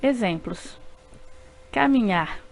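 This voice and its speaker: Patient woman teacher, very slow. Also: a little high, animated, creaky. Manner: spells words out syllable by syllable, patient. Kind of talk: slow recorded lesson for children.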